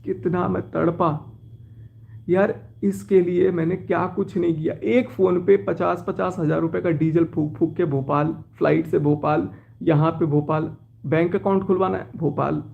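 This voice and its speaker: A man's voice: on the high side, gravelly, phone-quality sound. A young man talking to his viewers from his car, agitated as he recounts a betrayal in a personal vlog. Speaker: vlogger.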